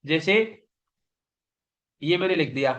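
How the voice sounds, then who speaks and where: At a measured pace, a man with a rather high, slightly bright voice delivers a recorded yoga exam-prep lecture. He explains things patiently and frequently poses questions that he answers himself, and the class recording is dull and lo-fi.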